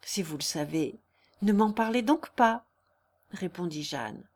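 A woman's voice: fairly low pitch, expressive, unhurried, darkish tone. A woman reading as a candid, sorrowful young country girl. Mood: sincere, aggrieved. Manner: protesting, sincere.

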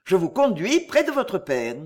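A reader voicing a smooth-talking male abductor in a storybook, calm and coaxing. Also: medium pitch, unhurried. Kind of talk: storybook reading.

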